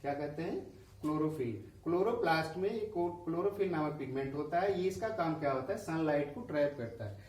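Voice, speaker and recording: Explaining diagrams in a classroom lesson, a Hindi-accented male science teacher asks questions and then answers them himself. He speaks fairly quickly in an expressive, slightly mellow voice on the high side; the room echoes and he is a bit distant from the mic.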